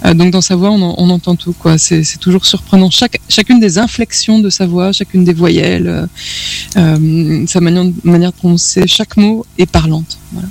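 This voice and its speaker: A woman singer as a guest in a radio studio interview, talking reflectively and hesitantly, pausing often to find her words. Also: on the low side, fairly even intonation, gravelly, darkish tone, slight background noise. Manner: reflective, hesitant with many pauses and fillers.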